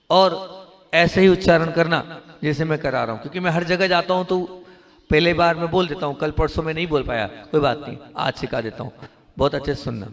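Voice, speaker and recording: Higher-voiced monk preaching in an echoing hall. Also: male voice. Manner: instructive, repeatedly asks the audience questions; drawn-out sung chanting of mantra syllables. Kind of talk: devotional sermon and pronunciation lesson.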